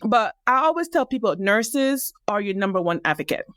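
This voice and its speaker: A woman hosting a podcast interview, speaking with quick, emphatic enthusiasm. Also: mid-range voice, very animated, fairly bright tone, clean tone, no echo, studio quality. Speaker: podcast host.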